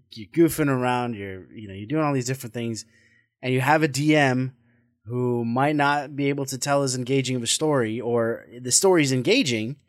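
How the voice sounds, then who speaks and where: A man's voice: mid-range voice, no room sound, clean studio sound. A man hosting a casual conversation about running tabletop games, thinking aloud and rephrasing as he goes. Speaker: podcast host and dungeon master.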